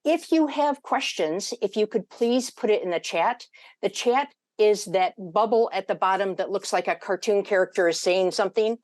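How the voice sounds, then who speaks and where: A woman's voice: mid-range voice, moderate pace, a little mellow, dry recording. A woman hosting an informal online panel, speaking in a chatty, rambling way as she moderates. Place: online video meeting.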